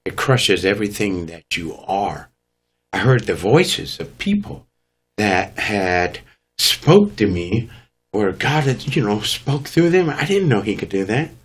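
A man's voice: on the low side, very animated, measured pace, breathy edge. A man, a guest preacher, telling his testimony in an emphatic, dramatic preaching manner. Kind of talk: testimony storytelling.

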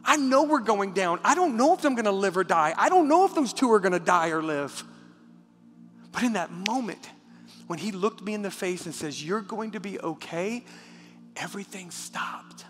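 A man preaching a passionate sermon as pastor, repeating words when moved and dropping to a hush for a personal story. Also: high-pitched, lively intonation, normal speed. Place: church sanctuary. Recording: church hall with reverb and faint music.

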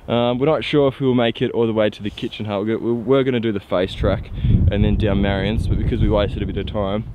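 A man's voice: lowish voice, darkish tone. Young man, from Tasmania, casual vlog, enthusiastic, handheld camera, noisy outdoor sound. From Tasmania, Australia. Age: young adult. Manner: enthusiastic, rambling with ums. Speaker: vlogger. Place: outdoors on a wet, windy mountain. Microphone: handheld camera held at arm's length. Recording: outdoor vlog with noticeable background noise.

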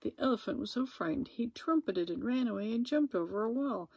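Lively woman reading a storybook aloud. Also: fairly high pitch, fairly quick, gravelly, breathy edge. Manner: gentle, lively, with asides to viewers. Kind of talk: storybook read-aloud for children.

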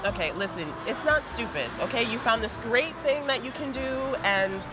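A woman's voice: fairly high pitch, lively intonation, normal speed, over music, lightly acted. A woman playing a supportive friend who reassures and encourages, laughing often. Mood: reassuring. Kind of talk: web series acting.

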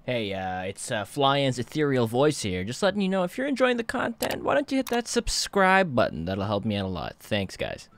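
A man's voice: mid-range voice, wildly swooping pitch, moderate pace, few pauses, pitched below the performer's own voice. A man doing a dreamy ethereal voice. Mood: dreamy hushed. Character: dreamy ethereal disembodied version of himself. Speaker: gaming streamer. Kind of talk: mock-ethereal subscribe plug.

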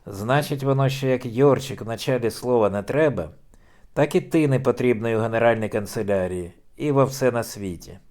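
A man's voice: mid-range voice, a little fast, natural voice. A man voicing a stern older noble official with an explosive temper in an audiobook reading. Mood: angry. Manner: stern, bursts into furious shouting.

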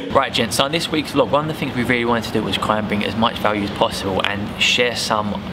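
A young man co-hosting a vlog, chatting brisk grooming advice to camera outdoors on a city street. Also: lowish voice, fairly even intonation, over a noisy crowd. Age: young adult. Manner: brisk, chatty, addresses viewers as gents. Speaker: vlog co-host. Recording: loud street noise outdoors.

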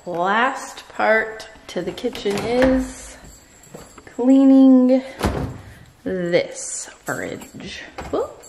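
A woman's voice: fairly high pitch, expressive, very slow, noisy background. A woman in her thirties chatting matter-of-factly in a cleaning vlog, filmed on a handheld camera in the kitchen of an empty house. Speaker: vlogger. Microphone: handheld camera at arm's length. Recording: roomy echo in an empty house, music behind.

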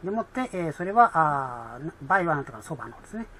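A woman explaining an English exam in a chatty way with many fillers, reading English lines slowly and. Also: sits low, big pitch swings, fairly bright tone, slight background noise.

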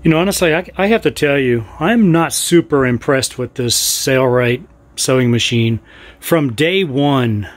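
Working indoors in his kitchen and living room, a middle-aged sailing channel host cuts and sews canvas while casually walking through each step and speaking frankly about his troubles. His mid-range voice has lively intonation and an unhurried pace, and his manner is plainspoken, like someone talking through hands-on work.

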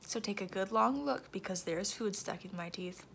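A woman's voice: mid-range voice, normal speed, vocal fry, fairly bright tone, a little hiss or hum. A young woman vlogging to camera in a casual, playful, chatty way. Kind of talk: casual vlog chat to camera.

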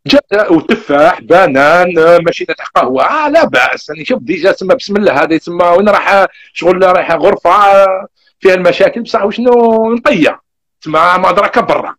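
A young man with an Algerian Arabic accent, telling his own migration story in a casual, animated way and acting out the back-and-forth. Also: high-pitched. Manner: animated, rapid retelling with quoted back-and-forth.

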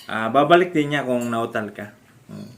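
A man from the Philippines, a stroke survivor, casually demonstrating home exercises with halting speech, frequent fillers and restarts, and often laughing as he explains. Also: medium pitch, expressive, a little hiss or hum. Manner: polite, addresses viewers respectfully. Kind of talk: casual instructional vlog.

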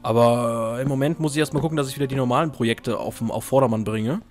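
Over soft background music, a young man offers casual gaming commentary, talking fast in a mid-range voice. As a let's play host he fields viewer questions while playing, staying chatty, jokey, and ready to poke fun at himself.

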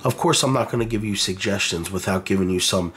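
A man's voice: sits low, fast, a bit bright, slight background noise. A man with a congested, nasal sound from a cold, giving casual, encouraging career advice straight to camera, with frequent ums and uhs.

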